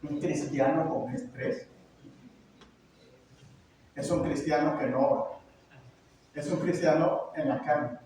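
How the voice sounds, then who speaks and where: Casting: middle-aged preacher, high-ish voice, chatty and joking, heard from far in a roomy church. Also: male voice, warm tone, slight background noise. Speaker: pastor. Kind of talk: sermon. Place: church hall. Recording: echoey church hall, mic far off.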